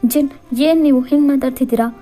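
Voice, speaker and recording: A woman's voice: high voice, fairly even intonation, fairly quick, warm tone, faint music behind, voice pushed up, close to an everyday voice. A woman voicing a stubborn young bride who argues back with emphatic, indignant force. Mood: hurt, upset. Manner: pleading then defiant, emphatic.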